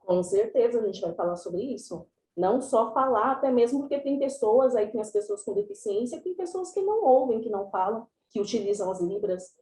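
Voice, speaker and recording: A woman's voice: fairly high pitch, brisk, few pauses, reverberant, poor audio. Chatty São woman presenting. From São Paulo, Brazil. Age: 30s. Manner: chatty, animated, explanatory. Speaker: class presenter. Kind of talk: online class presentation. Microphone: video call.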